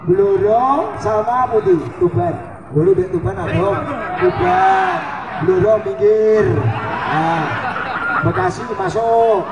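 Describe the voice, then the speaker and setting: A man with a Javanese accent booming out as a live prize announcer to a crowd at an outdoor event. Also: big pitch swings, slow. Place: outdoor volleyball court. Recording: distant echoing PA, loud crowd noise. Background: loud crowd.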